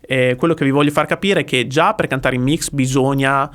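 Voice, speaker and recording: A man vocal coach talking through a song, explaining technique with frequent pauses and checks for understanding. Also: medium pitch, fairly bright tone. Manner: explanatory, often pausing with "eh" and checking with "ok?". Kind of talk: music reaction and vocal analysis.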